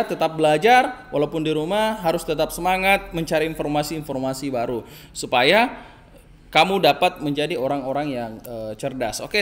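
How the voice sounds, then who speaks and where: A male primary school teacher giving a recorded online lesson, hesitant with many fillers and gently admonishing. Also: on the high side.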